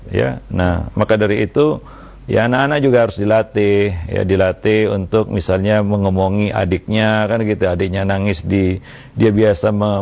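A male preacher answering a listener's question with calm religious advice, unhurried and full of little "ya" tags, on a dull lo-fi recording. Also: medium pitch, gravelly. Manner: unhurried, with frequent "ya" and "kan begitu" tags.

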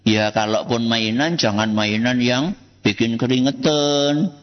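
A man's voice: medium pitch, steady tone, unhurried, voice pushed down, natural voice. A man preacher voicing a young boy who hesitantly explains himself to his mother. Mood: sheepish. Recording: echoey hall, dull lo-fi sound.

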